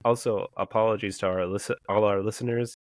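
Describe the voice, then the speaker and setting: Podcast co-host, male, very low pitch, hoarse from a cold, dry close sound. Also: steady tone, brisk, no room sound. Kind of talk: casual comics podcast chat.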